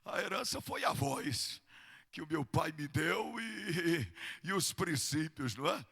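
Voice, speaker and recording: Gravelly older Brazilian pastor preaching. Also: male voice, a little high, lively intonation, takes it slowly. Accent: Brazilian Portuguese. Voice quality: thick gravelly voice. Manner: fervent preaching that swells into shouting. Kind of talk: sermon.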